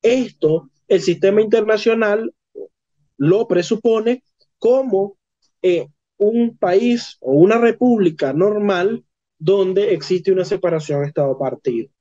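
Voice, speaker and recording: A man's voice: sits high, takes it slowly, dark tone, no echo. A young man, a political analyst, explaining on a video call in a gesturing, explanatory way. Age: young adult. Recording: dull, dry lo-fi video call audio.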